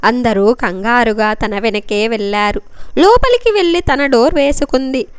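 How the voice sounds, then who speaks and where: A woman's voice: on the high side, expressive, unhurried, clear, resonant tone, no room sound. A woman storyteller giving an emotive, dramatic narration of a love story.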